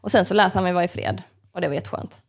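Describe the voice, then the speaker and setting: A woman's voice: on the low side, vocal fry. A young woman hosting a podcast, telling personal stories casually, swearing freely and acting out what other people said, with lots of filler words. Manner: animated storyteller, swears freely, acts out other people's lines; heavy use of fillers like "like" and "kind of". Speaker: podcast host.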